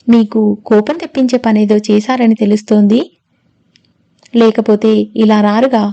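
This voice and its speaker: A woman reading the part of a calm male lawyer who soothes and reasons gently in a storybook reading. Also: fairly high pitch, normal speed, no room sound, lo-fi sound, natural voice.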